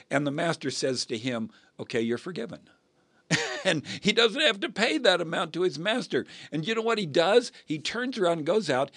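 A man's voice: a little high, a bit bright, no room sound. Earnest preaching man on dry radio. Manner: earnest preaching with frequent laughs. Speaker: pastor and radio co-host. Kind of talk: radio Bible teaching talk.

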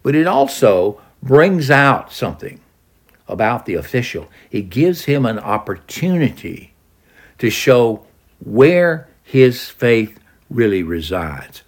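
A man's voice: medium pitch, big pitch swings, takes it slowly. A man preaching an expository sermon, retelling a gospel story and acting out the pleading voices of its people.

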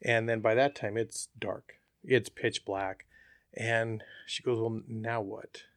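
A man telling a hunting story as an interview guest, relaxed and chatty with frequent fillers. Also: lowish voice, slow pace, dry recording, studio quality. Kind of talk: casual storytelling.

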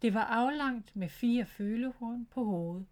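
A woman's voice: on the high side, a little mellow. Woman reading a children's story. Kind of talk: scripted children's story narration.

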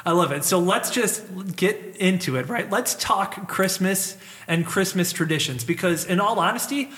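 Upbeat high-voiced pastor host. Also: male voice, animated, normal speed, a bit bright, breathy edge. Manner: upbeat, welcoming host patter. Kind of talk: hosted church talk show.

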